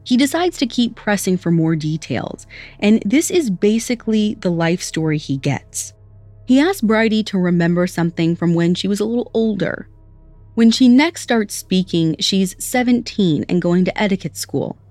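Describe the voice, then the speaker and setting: Woman narrator for a story podcast; measured, scripted, dry studio read. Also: medium pitch, animated, a little mellow, no room sound, faint music behind.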